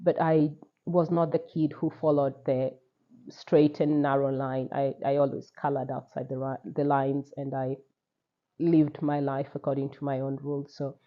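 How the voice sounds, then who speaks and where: A woman with a Kenyan accent, in her forties, gives a personal faith testimony. Her voice sits low and she speaks in a measured, reflective way, often pausing and repeating words. The recording sounds a little dull. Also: level tone.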